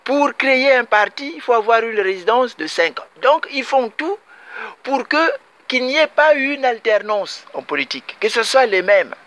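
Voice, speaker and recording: A man's voice: very high-pitched, lively intonation, moderate pace, a bit bright. A man from Congo-Brazzaville giving an emphatic political commentary monologue, repeating his points and addressing his compatriots directly.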